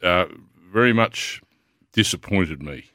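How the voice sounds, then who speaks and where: A man's voice: low-pitched, lively intonation, takes it slowly, pushed and bright, no echo, studio quality. An Australian man co-hosting a casual sports radio show, rambling a little as he talks. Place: radio studio.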